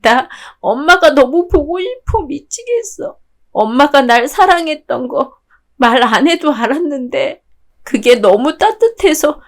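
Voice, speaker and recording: A woman's voice: high-pitched, voice pushed up. A woman voicing a heartbroken, guilt-ridden young woman whose voice breaks into tears in a radio drama story. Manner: tearful, voice breaking into sobs.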